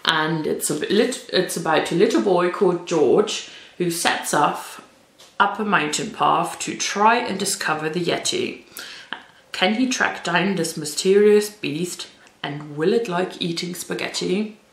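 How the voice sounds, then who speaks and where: A woman's voice: on the low side, creaky, a bit bright. A woman chatting informally in a casual vlog style as she recommends books, with self-deprecating asides. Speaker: children's book reviewer. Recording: roomy, echoey indoor sound.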